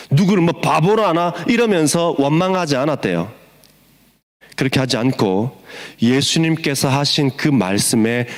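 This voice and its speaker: A man's voice: a little high, long reverb tail. A male pastor preaching to students, acting out the story with quoted voices. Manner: animated, acts out the scene with quoted voices. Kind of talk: sermon to students.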